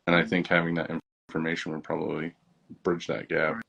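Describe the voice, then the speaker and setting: A man with a low voice co-hosts a casual chat. He thinks out loud in loose, conversational phrases, peppering them with "like". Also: monotone, fairly quick, vocal fry, breathy edge, lo-fi sound. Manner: thinks aloud with frequent "like". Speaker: co-host, shop owner.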